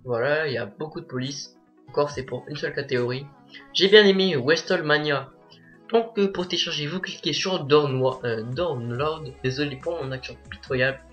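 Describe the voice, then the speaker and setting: A teenage boy narrating a software tutorial as a voice-over, hesitant and full of filler sounds. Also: a little high, a little fast, soft background music. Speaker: tutorial maker.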